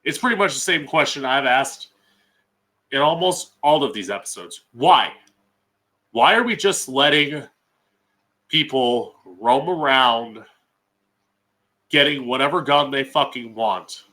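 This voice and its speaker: Drag queen host, American man: slow-paced, bright and sharp, blunt opinionated solo commentary. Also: medium pitch, lively intonation. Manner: blunt, emphatic, frequent swearing.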